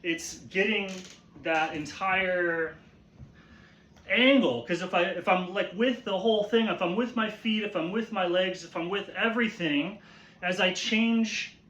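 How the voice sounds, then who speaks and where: A man giving an informal instructional explanation as a martial arts teacher, halting and repeating his phrases as he goes, often checking in with a questioning tag. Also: high voice, fairly bright tone, muffled recording. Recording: roomy, echoey sound.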